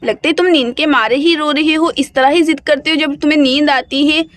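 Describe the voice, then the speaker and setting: A woman voicing a patient young mother who coaxes and gently scolds her fussing son, with a dry close sound. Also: high-pitched, fairly even intonation, brisk, no echo, lightly acted. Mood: coaxing. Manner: coaxing, scolding softly.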